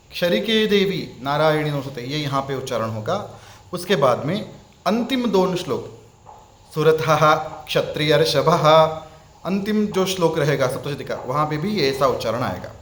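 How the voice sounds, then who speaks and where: A man with an Indian accent teaching Sanskrit recitation, chanting verses slowly and repeating each one patiently, sometimes switching into English. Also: a little high, echoey room. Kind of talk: spoken lesson with chanted verses.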